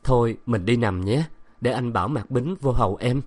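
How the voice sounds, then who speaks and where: A man voicing a gruff, stern middle-aged professor who is tender with his wife but curt with others. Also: mid-range voice, normal speed, darkish tone, close to an everyday voice. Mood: soothing.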